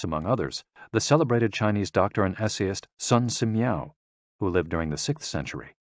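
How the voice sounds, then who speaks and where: Male audiobook narrator, deep voice, calm and measured, dry close sound. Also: dry recording. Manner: calm, measured reading of instructions and explanations.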